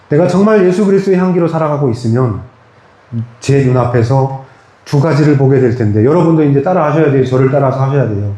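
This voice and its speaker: A man's voice: medium pitch, mellow. A man preaching a sermon in a small church, talking in a conversational way and putting questions to the congregation. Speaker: pastor. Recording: echoey church room.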